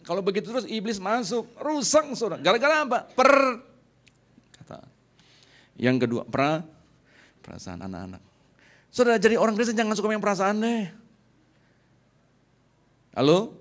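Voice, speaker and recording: A middle-aged man preaches a sermon in a somewhat high voice. His pitch leaps and swoops as he acts out little scenes, dropping in punchy sound effects to drive his points home. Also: big pitch swings, moderate pace, long pauses, a bit bright. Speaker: pastor.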